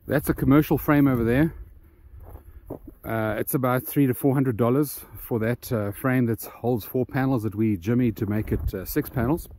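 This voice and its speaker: Walking around his self-built solar panel mount outdoors, the DIY solar host keeps this vlog casual, rambling with frequent ums and restarts while a bit short of breath. His voice sits in the mid range with a darkish tone and moves at a moderate pace. No room sound is audible.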